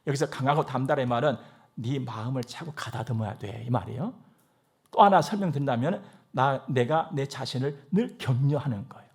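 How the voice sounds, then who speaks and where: A man's voice: mid-range voice, fairly quick, slightly rough. A male pastor preaching a sermon in a church, acting out little dialogues and sometimes dropping to a whisper. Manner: animated, acts out dialogue, drops to whispers. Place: church sanctuary.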